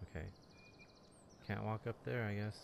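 A man's voice: lowish voice, flat delivery, normal speed. A man giving casual, offhand let's play commentary, half muttering to himself as he goes. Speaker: gaming video host. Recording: clear background game noise.

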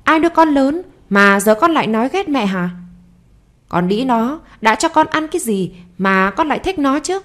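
A woman voicing a betrayed wife and mother in an audio story, delivering sharp, scolding outbursts. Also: on the high side, moderate pace, natural voice. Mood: furious.

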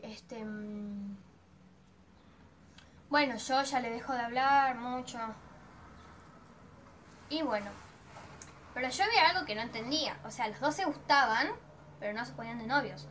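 A woman's voice: sits high, a bit bright, slight background noise. A teenage girl with an Argentine accent telling a personal story in a chatty vlog, dramatically acting out her own reactions. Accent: Argentine Spanish. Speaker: vlogger.

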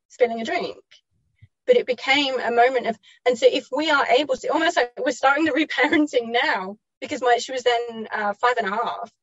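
A woman's voice: a little high, breathy edge, no room sound. Chatty woman on a dull, dry line. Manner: chatty, laughs often, self-correcting. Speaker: parenting mentor guest. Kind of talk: reflective personal storytelling.

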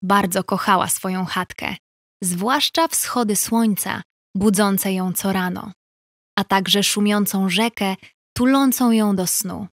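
A woman narrating a scripted children's tale in a gentle, even storytelling manner. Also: mid-range voice, slow pace, no room sound, studio quality.

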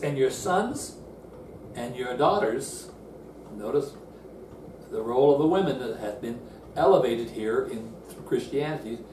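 In a noisy, roomy recording made from a distance, an older man leads a seated Bible lesson in front of a screen indoors. His medium-pitched voice carries a darkish tone as he earnestly explains verses, repeatedly restarting his phrases.

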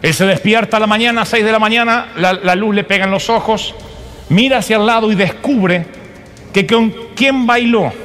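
A male preacher retelling a story with comic timing and playful asides to his listeners. His voice sits high for a man. A long hall reverb trails each phrase of the live sermon. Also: normal speed, fairly bright tone, faint music behind.

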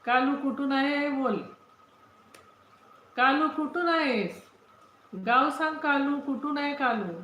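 Slow, chatty woman on a phone livestream. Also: high voice, a bit bright, slight background noise. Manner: chatty, greets viewers by name, repeats questions. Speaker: livestream host. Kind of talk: casual livestream chat reading viewer comments. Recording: roomy, dull lo-fi phone audio.

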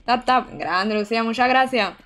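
A woman's voice: on the high side, moderate pace, fairly bright tone. A young woman, chatting to her viewers while playing a game live. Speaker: streamer. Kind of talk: live gameplay commentary.

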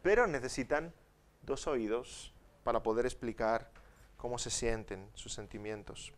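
A male pastor teaching at a Bible conference in a conversational way. He counts off numbered points and keeps checking with the audience through tag questions. He swings from soft asides to loud, emphatic points. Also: medium pitch, animated, measured pace.

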